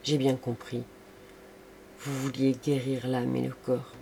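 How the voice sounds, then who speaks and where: A man voicing a thoughtful, caring male friend who speaks calmly and earnestly in an audiobook reading. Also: mid-range voice, a little slow, gravelly, a little hiss or hum.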